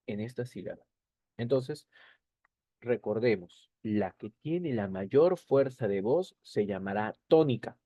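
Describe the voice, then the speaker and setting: A man's voice: medium pitch, warm tone, no room sound. A male teacher explaining a lesson over slides, repeating key points and checking in with short tag questions.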